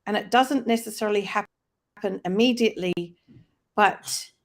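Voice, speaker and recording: As a plane roars past overhead, a woman co-hosting a live online discussion on faith-based wellness talks reflectively and conversationally, explaining her points. She has a medium-pitched, creaky voice and a moderate pace.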